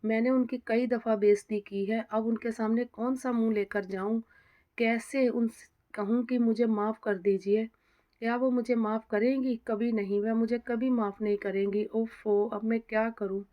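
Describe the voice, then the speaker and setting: A woman's voice: a little high, fairly even intonation, normal speed, dark tone, natural voice. A woman voicing a remorseful, guilt-ridden young pregnant daughter-in-law who speaks in anxious, self-reproaching tones.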